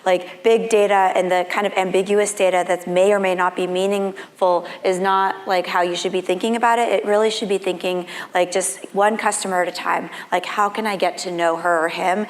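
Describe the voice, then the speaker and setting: A woman panelist talking conversationally and informally with a thin, reedy, raspy voice that is almost gone and squeaky. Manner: informal, frequent "like". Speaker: panelist, fashion company executive. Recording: long hall reverb.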